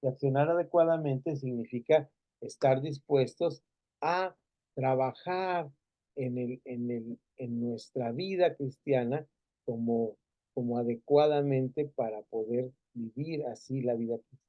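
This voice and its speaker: Man, Mexican Spanish accent, Bible class teacher, many fillers and tag questions, mid pitch, dull lo-fi audio. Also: measured pace.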